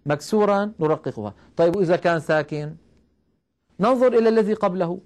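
A man with a slightly high voice teaches recitation rules in a patient, methodical way. He breaks each rule into small steps, checks that his listeners follow him, and slows right down to recite the example verses. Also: expressive, darkish tone. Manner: explains step by step, asks questions of the listeners, recites verses slowly. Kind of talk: recorded tajweed lesson.

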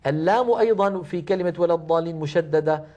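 رجل يعلّم التجويد بتلاوة بطيئة ممدودة. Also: male voice, a little high, mellow. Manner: explains rapidly, then recites slowly and drawn out; repeats sounds and syllables one by one to demonstrate. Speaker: Quran recitation teacher. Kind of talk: tajweed lesson with chanted recitation.

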